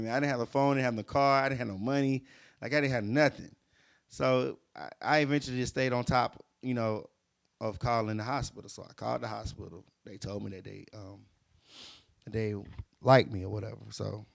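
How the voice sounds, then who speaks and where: Young man, podcast host; low, gravelly voice, dry close sound, rambling and self-correcting as he tells his story. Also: no echo. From Mississippi. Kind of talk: casual storytelling monologue.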